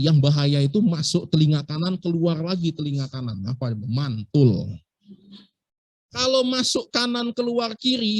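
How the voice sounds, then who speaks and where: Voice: medium pitch, no echo. A medical school lecturer giving a casual, playful lesson and often asking the class rhetorical questions.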